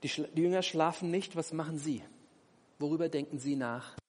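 A male preacher delivers an emphatic sermon and keeps asking his listeners rhetorical questions. His voice is slightly raised in pitch and has a husky edge. Long reverb trails after each phrase, as if spoken in a large church hall. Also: fairly quick, darkish tone.

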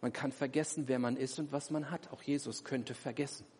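A man's voice: medium pitch, steady tone, fairly quick, a little mellow, slightly rough. A man preaching a sermon, driving his points home with emphatic rhetorical questions. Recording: long hall reverb.

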